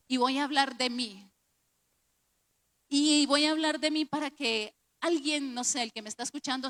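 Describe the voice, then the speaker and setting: Female pastor, Colombian accent, high bright voice, earnest conversational sermon delivery. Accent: Colombian Spanish. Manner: earnest, conversational preaching with rhetorical questions.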